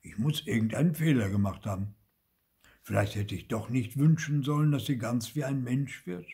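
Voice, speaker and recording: A man's voice: mid-range voice, moderate pace, warm tone, natural voice. A man voicing a fussy, indignant old woodcarver who scolds his carved puppet and then laments. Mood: lamenting.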